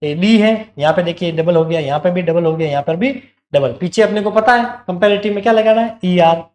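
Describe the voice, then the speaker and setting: A man's voice: high voice, fairly quick, darkish tone, roomy sound. A male teacher giving an online exam-prep grammar lesson, explaining step by step, repeating key words and asking the class questions.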